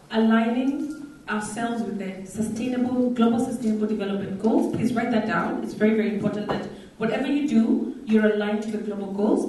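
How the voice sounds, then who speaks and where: A woman's voice: fairly high pitch, mellow. A Kenyan woman giving a conference talk, engaging the audience with questions, recorded from a distance in a large hall. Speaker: conference speaker. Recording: echoey hall, distant mic.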